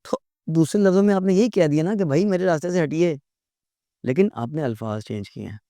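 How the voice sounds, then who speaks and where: A man teaching a lecture, conversational and animated, acting out rude and polite phrasings for his listeners. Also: fairly high pitch, fairly quick, no echo, studio quality. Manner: conversational, addresses listeners as "yaar" and "bhai". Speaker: English teacher.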